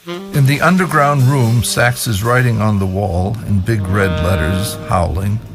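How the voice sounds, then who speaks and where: A man's voice: fairly low pitch, unhurried. A man reading screenplay stage directions in a matter-of-fact way for an audio drama. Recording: music playing behind.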